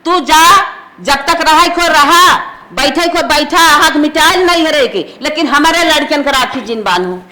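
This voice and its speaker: A woman with an Awadhi accent acting a spiteful, sharp-tongued village stepmother in a family comedy skit. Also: sits high, a little slow, slight background noise. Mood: scolding. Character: harsh, spiteful village stepmother, middle-aged.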